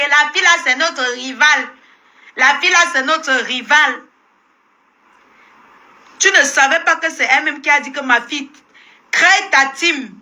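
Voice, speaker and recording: A woman's voice: sits high, sharp tone. A woman with a Cameroonian French accent hosting a live stream. She scolds her viewers and repeats herself in a combative rant. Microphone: phone live stream.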